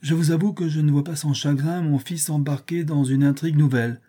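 A man's voice: on the high side, fairly even intonation, brisk, mellow, husky, pitched above the performer's own voice. A man reading an earnest, reproachful old baron. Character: earnest provincial baron, older father. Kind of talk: audiobook reading of a period novel.

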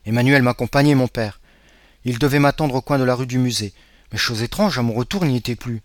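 A man's voice: mid-range voice, fast, no echo, clean studio sound, close to an everyday voice. A man reading aloud, voicing a young woman who is breathless with joy in a storybook scene. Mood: earnest.

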